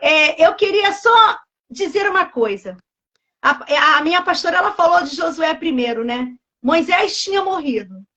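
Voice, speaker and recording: A woman's voice: extremely high pitch, expressive, normal speed, sharp tone. A Brazilian woman in her fifties, a pastor giving an emotional, fervent testimony and acting out dialogues with God. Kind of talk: emotional personal testimony preaching.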